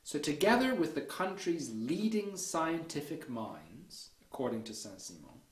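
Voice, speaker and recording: A man delivering a university history lecture in a measured, deliberate way, often checking in with "okay" and starting points with "so". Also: on the high side, sing-song. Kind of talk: academic lecture. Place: lecture room. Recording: echoey lecture room.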